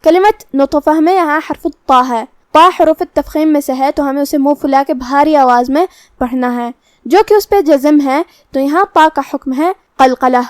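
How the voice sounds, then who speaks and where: High-voiced woman teaching recitation. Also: dry recording, studio quality. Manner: calm, methodical explanation, with slow drawn-out recitation of verses. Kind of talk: tajweed lesson, explaining rules.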